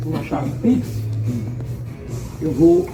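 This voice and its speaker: A man with a slightly high, very animated voice speaks slowly as a panel guest in a casual discussion. He rambles loosely with many restarts and asides, and the poor-quality audio has music behind it.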